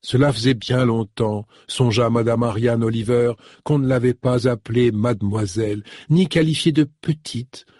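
A man narrating an audiobook chapter in an expressive, storytelling manner. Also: mid-range voice, normal speed, hardly any pauses, no room sound, clean studio sound. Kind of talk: scripted narration.

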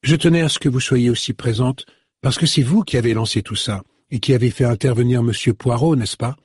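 A man with a husky voice voicing a talkative older woman novelist in an audiobook. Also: mid-range voice, fairly quick, darkish tone, dry recording, clean studio sound. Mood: chatty.

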